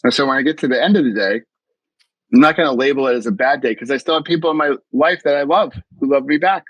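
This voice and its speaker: A man's voice: mid-range voice, fast talker, a bit bright, dry recording, dull audio. Earnest middle-aged man, dry sound. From US East Coast. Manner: earnest, reflective, with frequent restarts. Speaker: mindfulness coach and podcast guest. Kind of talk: interview storytelling.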